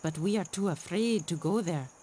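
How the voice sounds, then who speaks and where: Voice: mid-range voice, normal speed, mellow, a little hiss or hum, close to an everyday voice. An actor voicing a timid villager in a video game, giving short, solemn, cautionary warnings. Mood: fearful. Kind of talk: scripted game character dialogue.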